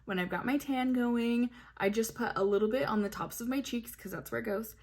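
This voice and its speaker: A woman's voice: fairly high pitch, fairly quick, a little mellow. A woman reviewing makeup in a casual, chatty way, gushing over each product with plenty of fillers. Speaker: beauty vlogger. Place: home, hot weather.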